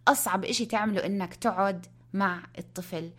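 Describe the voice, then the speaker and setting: Quick, earnest woman. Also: mid-range voice, a bit bright. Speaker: podcast co-host. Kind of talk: casual conversational podcast.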